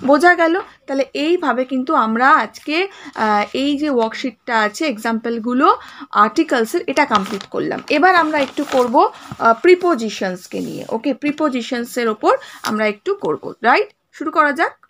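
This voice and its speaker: A woman teacher with a Bengali accent patiently explains a grammar worksheet, reading examples slowly and checking "right?" after each point. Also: high voice, expressive, fairly bright tone, a little hiss or hum. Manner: patient, checks understanding with frequent "right?" and "okay?"; reads example sentences slowly word by word.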